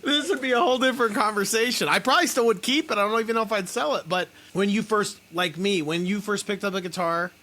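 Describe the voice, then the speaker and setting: A man's voice: sits high, fast talker, few pauses, bright, forceful tone. A man hosting an interview, chatting loosely with lots of fillers. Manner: loose and chatty, many "you know" fillers. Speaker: host. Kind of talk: casual interview chat.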